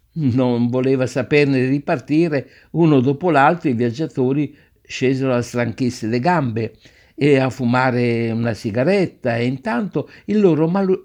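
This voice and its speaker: A man narrating a children's story aloud in an expressive read-aloud style, slowing and softening for effect. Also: mid-range voice. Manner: expressive, varies pace for effect.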